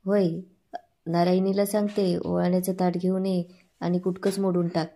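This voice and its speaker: A woman's voice: lowish voice, flat delivery, moderate pace, warm tone. A woman reading a scornful old mother-in-law. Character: scolding older mother-in-law, sharp-tongued.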